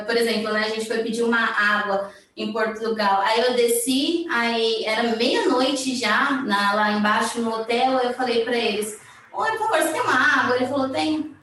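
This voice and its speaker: A Brazilian woman guest telling travel stories in a lively way, acting out the dialogue she quotes. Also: fairly high pitch, moderate pace. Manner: animated, acts out quoted dialogue. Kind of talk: casual storytelling. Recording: echoey room, far from mic, faint noise.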